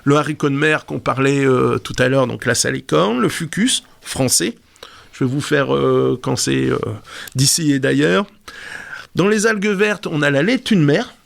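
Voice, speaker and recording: A man's voice: fairly high pitch, normal speed, vocal fry. A man presenting a segment on a radio show, explaining things casually and hesitantly, with many fillers.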